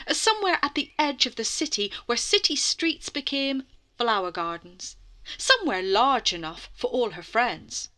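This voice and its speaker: A woman tells a children's bedtime story with plenty of expression, drawing out dramatic phrases and dropping into soft passages. Her voice sits on the high side.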